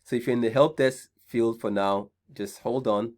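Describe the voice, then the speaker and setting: A man's voice: mid-range voice, fairly even intonation, normal speed, darkish tone. A man with a Nigerian accent hosting an online career seminar, chatty, often repeating his points and checking in with "right?". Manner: conversational, repeats key points, frequent "right?" check-ins. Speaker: seminar host.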